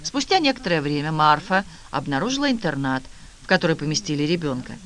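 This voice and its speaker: A man reading a novel aloud in an even, measured narration. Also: fairly high pitch. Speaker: audiobook narrator. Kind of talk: scripted narration.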